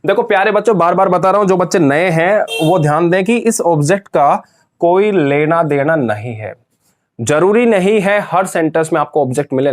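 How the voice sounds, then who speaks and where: A man giving a grammar lecture to students, repeating key points and calling them dear children. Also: a little high. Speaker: grammar teacher. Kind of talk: classroom lecture.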